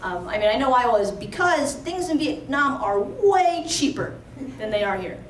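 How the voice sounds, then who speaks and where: Very animated and high-pitched at a moderate pace, this young Alexandria, Virginia storyteller tells a live audience a true story in a chatty way, sprinkling in "like" and "you know." The recording comes from a distance, off-mic in a roomy venue, with slight background noise.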